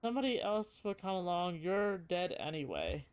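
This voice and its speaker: A person voicing a creepy talking girl doll in a video game, sweet and playful but menacing, with a too calm, childlike manner. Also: mid-range voice, moderate pace, smooth, lightly acted. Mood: sweetly menacing. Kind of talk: reading game dialogue aloud in character.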